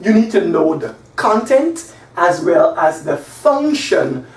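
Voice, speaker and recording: This is a classroom lesson: a man in his forties from Guyana, with a high voice, teaches English at a whiteboard. Animated and gesturing, he spells out sample sentences slowly and with emphasis. Captured by a camera across a small, echoey room, he sounds far away.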